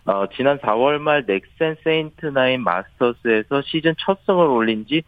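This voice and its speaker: Male golf commentary-style reporter, formal with occasional stumbles, mid-pitched, boxy band-limited audio. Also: animated, normal speed, no echo, narrow, tinny audio. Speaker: sports newspaper reporter, golf correspondent. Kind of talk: scripted golf news report, play recap.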